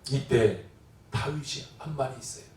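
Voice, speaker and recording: A middle-aged man preaching a sermon as pastor, telling stories dramatically and acting out shouting crowds and a taunting giant. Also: mid-range voice, normal speed, a little hiss or hum. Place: church sanctuary. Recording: echoey church hall, mic at a distance.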